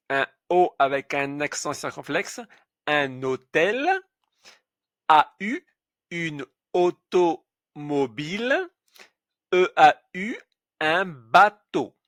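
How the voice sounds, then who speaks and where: Male teacher, slightly high voice, very slow and careful, spelling out letters and example words. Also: fairly bright tone, no echo, studio quality. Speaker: French pronunciation teacher. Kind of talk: slow pronunciation lesson.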